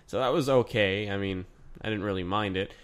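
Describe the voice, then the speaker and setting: A man hosting a podcast, talking through a casual solo review in a chatty, excitable way with lots of fillers. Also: fairly low pitch, brisk. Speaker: podcast host.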